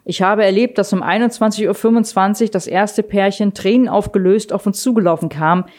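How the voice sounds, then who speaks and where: A woman's voice: mid-range voice, fairly quick, a little mellow, pitched above the performer's own voice, lightly acted. A man in a tracksuit recounting what he saw to a reporter, touched by it, in a read-aloud storybook, as a woman narrator reads his lines. The telling stays plain and close to the reader's own middle voice. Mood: moved.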